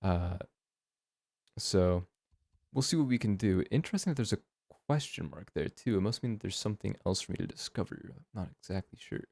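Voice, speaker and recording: A man with a West Coast American accent talks through a game in a low voice with a gravelly fry. His delivery is casual and rambling, full of hesitant thinking aloud. The sound is close and dry. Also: expressive, brisk, a little mellow, dry recording. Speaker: gaming host doing a playthrough. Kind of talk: casual unscripted gameplay commentary.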